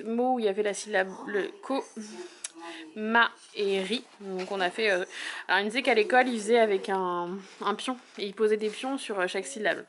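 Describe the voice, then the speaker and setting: Mother vlogger, casual and practical explainer, music playing underneath. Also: medium pitch. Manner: explains step by step, calm and practical. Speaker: mother vlogging her child's schoolwork. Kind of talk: casual chat.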